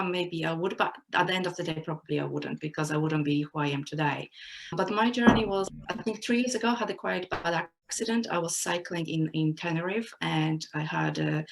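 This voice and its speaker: A woman's voice: lowish voice, creaky. A woman from Poland, a personal development coach, talking reflectively in an interview with many "you know" fillers. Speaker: guest coach. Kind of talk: casual interview talk.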